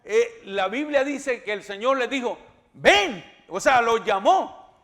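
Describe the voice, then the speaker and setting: A male pastor preaching a sermon, emphatic and repeating his words, now and then rising to loud cries. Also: very high-pitched, measured pace. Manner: repeats words and restarts often. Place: church.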